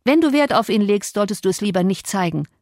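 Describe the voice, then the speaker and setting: A woman voicing a sullen, rough young man who answers contrarily. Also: mid-range voice, expressive, fast, darkish tone, no echo, close to an everyday voice.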